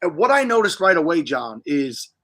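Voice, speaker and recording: Chatty man with a bright, forceful voice. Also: on the high side, sing-song, normal speed. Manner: chatty, rambling, jokey. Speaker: podcast host. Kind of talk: casual livestream chat.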